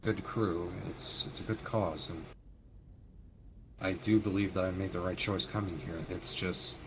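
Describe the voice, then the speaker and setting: A man talking hesitantly and softly in character during an online roleplay. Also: deep voice, steady tone, a little slow, background noise.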